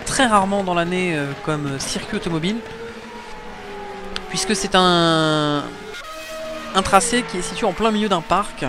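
A man giving live motorsport commentary on a sim race, explaining things to the viewers. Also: fairly high pitch. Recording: clear background engine noise. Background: race car engines.

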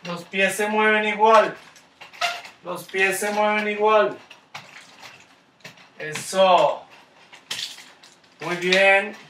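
Colombian guy coaching kids skating, high voice, slow and encouraging, echoey room from far off. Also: steady tone, bright, forceful tone, slight background noise. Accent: Colombian Spanish. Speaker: skating instructor. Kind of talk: online kids' class.

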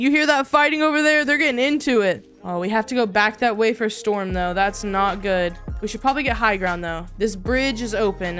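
A woman giving excited gameplay commentary in a hyped, slangy gamer-bro manner. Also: on the high side. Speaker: gamer, video host.

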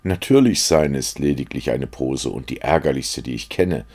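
Guy reading a sly cynical young lord, super deep gravelly voice, languid and teasing. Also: lively intonation, normal speed, darkish tone, exaggerated voice. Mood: amused, teasing. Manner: languid, mocking, epigrammatic. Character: witty cynical young aristocratic gentleman.

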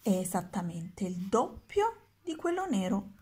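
A woman's voice: mid-range voice, very animated, unhurried, a little mellow, husky, heavily acted. A woman voicing an impatient old male wizard of numbers in a storybook, by turns coaxing and triumphant.

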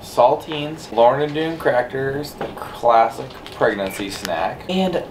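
A man's voice: medium pitch, expressive, slow pace, far from the mic. A man in his thirties, groggy and loopy from anesthesia as if after wisdom teeth surgery, rambling casually through drifting stories. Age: 30s. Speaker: vlogger and patient. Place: small hospital recovery room. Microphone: handheld camera a short distance away. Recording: echoey room with clear background noise.

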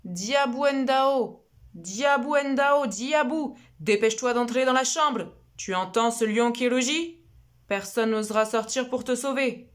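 A woman voicing an alarmed father who warns his daughter with slow, stretched calls. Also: on the high side, pitched above the performer's own voice. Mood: urgent.

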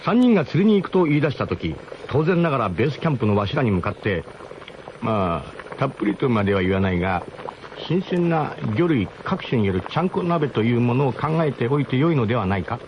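A man narrates a comic radio drama as a camper, grandly recounting his gang's ramshackle expedition in a mock-solemn style peppered with colloquial phrases. His natural, medium-pitched voice is brisk and very animated, with background noise behind it.

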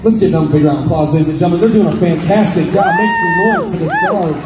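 A man's voice: high voice, wildly swooping pitch, quick pace. Man, thirties, live hypnosis-show host, repetitive suggestive patter, echo-heavy covered fairground stage, music and crowd behind. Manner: repetitive, suggestive commands to volunteers. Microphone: handheld mic through PA speakers. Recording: echoey PA filmed from the audience. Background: loud music and crowd chatter.

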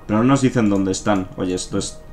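A man's voice: on the low side, fairly quick. A man with a Spain Spanish accent giving casual gameplay commentary, thinking aloud with fillers, swearing and joking. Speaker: gameplay streamer. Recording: faint game music behind. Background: faint game music.

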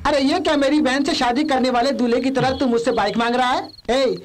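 A fast-talking, mocking comic sidekick. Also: male voice, very high-pitched, steady tone. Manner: rapid, insulting banter. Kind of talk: Hindi film comedy dub.

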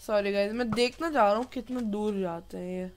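A man's voice: high-pitched, a little fast, slight background noise. A man giving casual gameplay commentary, chatty and apologetic, mixing English words into his talk. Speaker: gameplay youtuber.

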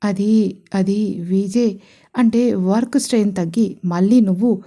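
A woman voicing a shy, polite young woman CEO who speaks hesitantly and pleads softly in an audio story. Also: medium pitch, moderate pace, lightly acted.

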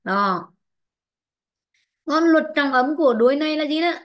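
Brief: female teacher, fairly high voice, online lesson, patient and prompting. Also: animated, moderate pace. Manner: patient, quizzing and prompting students by name. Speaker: English teacher. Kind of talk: online class, questioning students and explaining grammar rules.

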